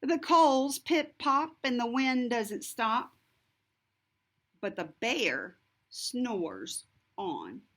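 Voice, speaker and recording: Very slow, animated woman storyteller. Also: on the high side. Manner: expressive, deliberate, sing-song rhyme reading. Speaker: storybook reader. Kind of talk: scripted children's read-aloud narration.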